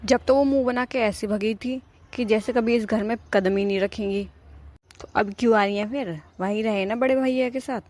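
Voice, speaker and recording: A woman's voice: on the high side, moderate pace, darkish tone, lightly acted. A woman voicing a put-upon young wife in a cartoon, grumbling and complaining. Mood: irritated. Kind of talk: cartoon voice acting.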